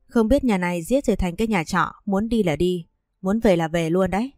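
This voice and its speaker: A sneering, sharp-tongued middle-aged mother-in-law, voiced by a woman reading a storybook. She scolds, her pitch sitting at an ordinary middle height, and the voice sounds dry and close with no room echo. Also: a little fast, soft background music, close to an everyday voice. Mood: scornful.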